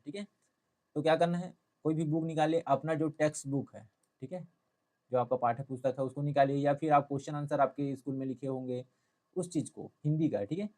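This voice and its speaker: A man's voice: a little high, darkish tone. A man teaching a Hindi spelling lesson, explaining step by step and checking in often with his students. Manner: explanatory, repeats "theek hai" often. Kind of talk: classroom-style lesson.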